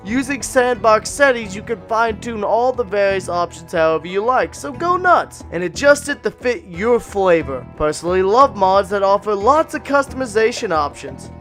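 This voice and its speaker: A man's voice: high voice, a bit bright. A man narrating a scripted video game mod review in a casual, slangy, enthusiastic way. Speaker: gaming YouTuber reviewing mods.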